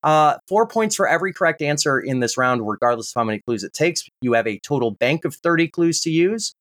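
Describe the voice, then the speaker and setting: An American man hosting a podcast word game, reading scores and rules with brisk, wry patter. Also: a little high, lively intonation, a bit bright. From United States. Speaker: game show host.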